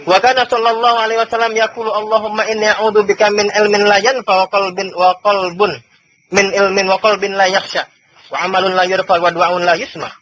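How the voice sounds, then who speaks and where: A man with a high, bright voice teaches from a classical religious book, reading slowly and then explaining in a loose, chuckling way. The sound comes from old worn tape, dull and lo-fi. A faint hiss runs underneath. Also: flat delivery. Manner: chatty, chuckles often between points. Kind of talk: classical book study lesson.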